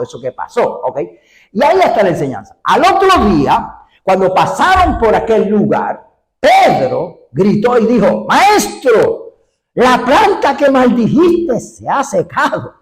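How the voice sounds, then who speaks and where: A male preacher, giving an animated sermon and acting out the dialogue. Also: high-pitched, roomy sound, poor audio. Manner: animated, acts out dialogue with shouts and laughs.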